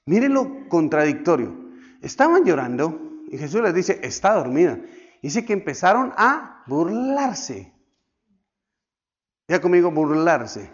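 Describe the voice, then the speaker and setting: A man preaching a sermon to his congregation, swinging between loud outbursts and hushed, slow lines, acting out quoted voices. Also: on the high side, very animated, highs cut off. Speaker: pastor.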